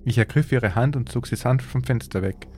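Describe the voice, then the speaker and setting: A man hosting a podcast, reading a horror story aloud in a measured, suspenseful way. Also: medium pitch, darkish tone, a little hiss or hum. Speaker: podcast host and story reader.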